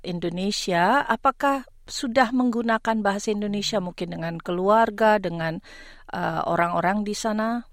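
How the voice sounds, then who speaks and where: A woman hosting a radio interview conversationally, putting her questions in an unhurried way and often rephrasing them. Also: mid-range voice, no room sound, studio quality.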